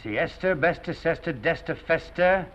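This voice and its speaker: A wry middle-aged studio boss. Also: male voice, on the high side, animated, fairly bright tone. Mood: musing. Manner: paternal, wry, brisk. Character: genial, dry-witted film studio boss, middle-aged man. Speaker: studio head. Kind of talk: 1930s film acting. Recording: dull 1930s film soundtrack.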